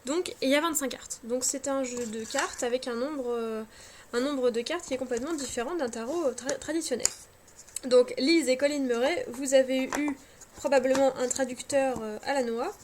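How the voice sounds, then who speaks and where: A woman's voice: sits high, moderate pace, darkish tone. A tired woman chatting casually about card decks, hesitant and self-mocking, with many fillers and restarts. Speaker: cartomancy vlogger. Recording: faint scratching background noise.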